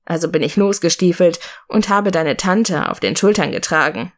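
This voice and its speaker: A woman voicing a gentle father who calmly tells his child a story from his youth, in an audiobook. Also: lowish voice, normal speed, natural voice. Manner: calm storytelling tone. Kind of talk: audiobook reading.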